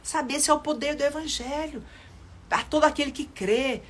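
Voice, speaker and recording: A woman's voice: sits high, normal speed. Older woman preaching earnestly on a livestream. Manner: earnest, repeats phrases for emphasis, speaks to viewers directly. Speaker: children's ministry leader. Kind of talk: livestream sermon with testimonies.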